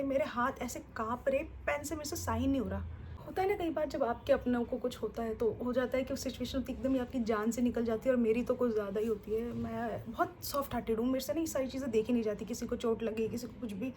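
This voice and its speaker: A young woman vlogger telling a story in a chatty, expressive way and mixing in English words. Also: on the high side, fast talker, a little hiss or hum. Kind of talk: casual vlog storytelling.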